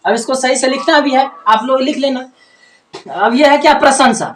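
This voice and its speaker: A woman teacher with a high voice runs a patient pronunciation lesson and goes over each word several times. She keeps stopping to check that her listeners follow. The sound bounces around an echoey room. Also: steady tone, moderate pace, slight background noise.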